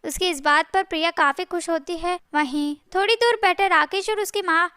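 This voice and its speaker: Female storyteller, steady storybook read, bone-dry close recording. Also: very high voice, normal speed, dry recording. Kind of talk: storybook narration.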